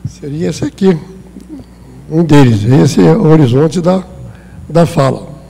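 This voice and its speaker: A Brazilian man giving a spiritist lecture in a hall with long reverb. His voice sits fairly high but sounds mellow and dark. He talks in a conversational way and acts out small exchanges. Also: lively intonation, unhurried, vocal fry, slight background noise. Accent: Brazilian Portuguese. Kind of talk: spiritist talk.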